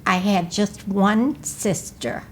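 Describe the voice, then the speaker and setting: Old lady from wisconsin telling her life story, slow and careful, bit of faint hiss behind. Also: medium pitch. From Milwaukee, Wisconsin. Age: 80s. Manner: slow, careful, measured recollection, often asking to repeat. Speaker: interviewee. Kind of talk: recorded life-story interview.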